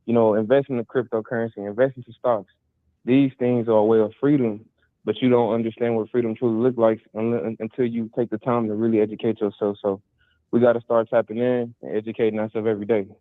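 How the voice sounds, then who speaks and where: A man's voice: fairly low pitch, flat delivery, fast, no room sound. A man in his twenties, calling in to a morning talk show on a muffled phone line that sounds like he is in a tunnel. He speaks earnestly and motivationally, in long run-on stretches. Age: 20s. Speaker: caller. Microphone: phone call. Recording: tinny, dry phone line.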